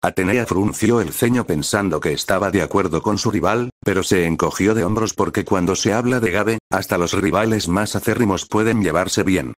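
A man reading a fan story aloud in steady, even narration. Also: low-pitched, normal speed, few pauses, no echo, studio quality. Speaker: fan fiction reader.

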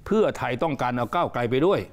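A man's voice: on the high side, animated, fast talker. A politician being interviewed on a studio talk show, emphatic and joking, often repeating his words. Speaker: politician guest.

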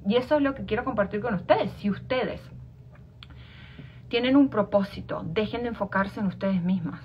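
A woman's voice: medium pitch, normal speed, a little hiss or hum. A woman with an Argentine accent, a life coach giving an informal motivational talk, repeating herself and restarting phrases. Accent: Argentine Spanish. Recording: dull lo-fi sound.

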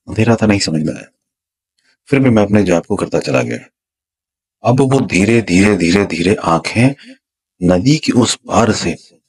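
A man, a spiritual teacher, slowly and dramatically telling of his own spiritual experience, repeating words to build suspense. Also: low-pitched, husky. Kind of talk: storytelling a personal spiritual experience.

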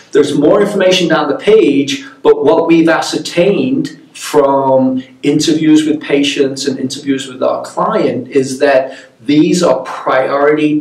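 A man in his fifties, a creative director, explaining his work in an interview with animated gestures. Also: fairly high pitch. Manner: animated hand gestures, measured explanatory delivery. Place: open-plan office, indoors. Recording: roomy office sound from a distance.

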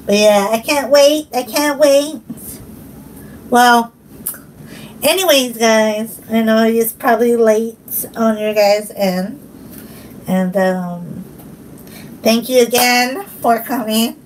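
A woman's voice: on the high side, steady tone, takes it slowly, long pauses, a little hiss or hum, poor audio. A young woman hosting a livestream, chatting casually with viewers, giggling often and thanking them by name. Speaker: livestream host.

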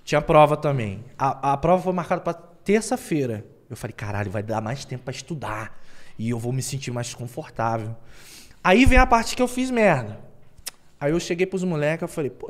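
A young man telling a story on a podcast, with slangy, animated storytelling, acted quotes and bursts of nervous laughter. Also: fairly high pitch. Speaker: podcast guest. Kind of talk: casual storytelling.

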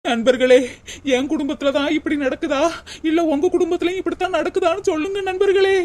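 Woman doing a high-voiced wronged daughter-in-law. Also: fairly even intonation, fast talker, darkish tone. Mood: lamenting. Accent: Kanyakumari Tamil. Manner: complaining, pleading to the audience. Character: put-upon young daughter-in-law, indignant.

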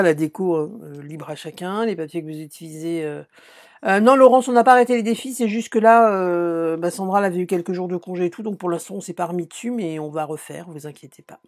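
A middle-aged Frenchwoman with a fairly low voice hosts a live craft stream, chatting casually as she answers viewers and shows off her work. Her speech is full of fillers and restarts.

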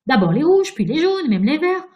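A woman voicing a bold, outspoken little girl in a children's storybook, high and emphatic. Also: big pitch swings, moderate pace, highs cut off. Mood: angry. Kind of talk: storybook read-aloud for children.

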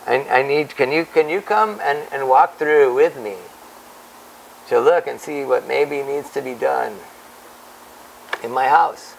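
Pastor in his fifties, gravelly voice, lively pulpit teaching, stand mic, small church stage. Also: mid-range voice, a little slow, pauses often, slight background noise, poor audio. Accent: Hawaiian-influenced American English. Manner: animated, gesturing, many restarts and repeated words. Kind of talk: verse-by-verse Bible teaching.

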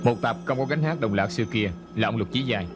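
A man's voice: mid-range voice, a little fast, over music, natural voice. A man dubbing a businesslike police detective who asks questions in a matter-of-fact way, for a film. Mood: questioning. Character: calm, businesslike young male police detective. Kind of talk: Vietnamese film dub.

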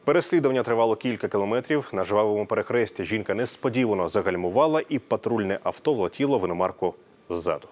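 A man reading the news in a formal, brisk style from a TV studio on a lapel mic. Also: fairly low pitch, expressive. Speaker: news anchor.

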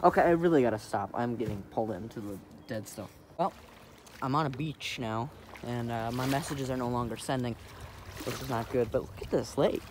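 With a medium-pitched voice and a slightly quick pace, a young American vlogger talks casually and easygoingly to camera. He films on a close-held or propped phone on a lake, from his kayak and the shore, with noisy wind and water around him.

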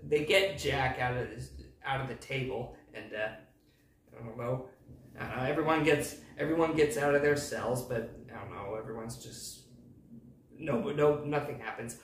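A man's voice: mid-range voice, moderate pace, pauses often, a little hiss or hum. A man hosting a casual movie recap who rambles and hesitates, full of fillers. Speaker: movie review host. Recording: echoey room, distant mic.

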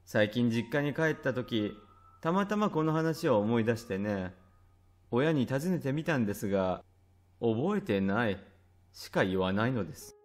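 A man telling a scripted first-person horror story in a conversational tone, measured and suspenseful, drawing out certain words. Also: medium pitch, lively intonation. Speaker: ghost story reader. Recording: music under the voice. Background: music.

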